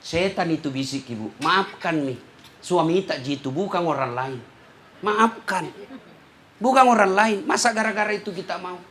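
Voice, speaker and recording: A man's voice: high voice, expressive, moderate pace, sharp tone, a little hiss or hum. A middle-aged man preaching a humorous sermon in an Indonesian Makassar accent, chuckling often and speaking straight to his listeners. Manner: joking, chuckling, addresses the audience directly. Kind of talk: humorous sermon to a live audience.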